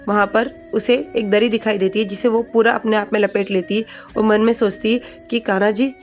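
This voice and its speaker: In a casual spoken recap, a female storyteller goes through a TV serial episode's plot in a plain voice, reading quoted lines straight rather than performing them. Her pitch is medium and her tone a little mellow.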